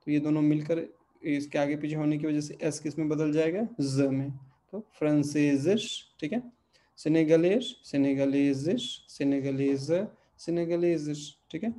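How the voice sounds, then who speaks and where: Patient teacher drilling word forms. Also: male voice, fairly high pitch, dark tone. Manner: patient, repeats word forms slowly, checks in with "ठीक है". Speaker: Portuguese language teacher. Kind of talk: online language lesson.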